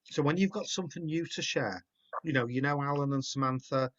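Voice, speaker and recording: A man's voice: medium pitch, a little fast, a bit bright. A man hosting a video call, rambling and encouraging, often repeating words. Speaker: host. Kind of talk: casual chat. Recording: muffled video call audio.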